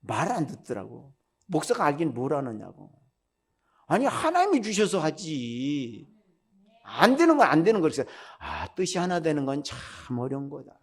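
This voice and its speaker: A man's voice: on the high side, wildly swooping pitch, normal speed. An older man, a retired pastor, preaching bluntly in a conversational way and firing off rhetorical questions. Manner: blunt, direct and scolding. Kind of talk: sermon.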